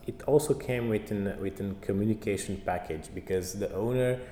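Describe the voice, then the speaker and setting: In a casual interview, a passive house trainer from Romania, whose first languages are Romanian and Hungarian, tells stories animatedly, acting out quotes and using many fillers. His voice sits on the low side at a moderate pace, in a roomy, reverberant hall with faint background noise.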